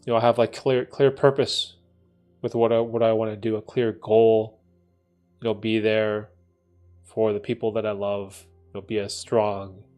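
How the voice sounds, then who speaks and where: Over faint background music, a man from Canada in his late thirties responds to his livestream chat in a casual, musing way, often finishing with "right?". He speaks at a moderate pace in a low, level, darkish voice.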